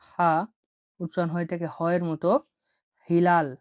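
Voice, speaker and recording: A woman teaching vocabulary at a very slow, deliberate pace, saying each word and its meaning again and again. Her voice sits a little low, and the sound is dry and slightly dull, as if recorded close on a modest mic. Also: fairly even intonation, a little mellow, no room sound. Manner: repeats each word and meaning several times. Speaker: Arabic language teacher. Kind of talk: slow repetitive vocabulary lesson.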